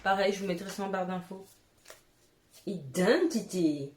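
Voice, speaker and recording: A woman's voice: mid-range voice, measured pace, a little mellow. Gushing woman chatting in an echoey room. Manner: chatty, gushing exclamations and casual swearing. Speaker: beauty vlogger. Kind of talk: casual haul chat. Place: at home, with her cat nearby. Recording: echoey room with faint noise.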